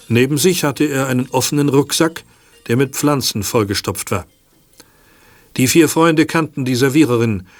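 A man reading scripted radio-play narration in an even storytelling manner. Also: medium pitch.

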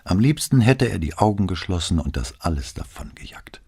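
A man narrating a crime novel audiobook in a measured storytelling voice. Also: low-pitched, very animated, creaky, darkish tone, breathy edge. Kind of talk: scripted narration.

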